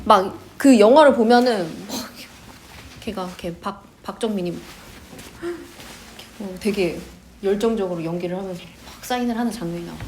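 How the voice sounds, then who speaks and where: Young female teacher, casual chatty lesson delivery, higher-pitched. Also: a little hiss or hum. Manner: chatty, fills with "like" words. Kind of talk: high school literature lesson.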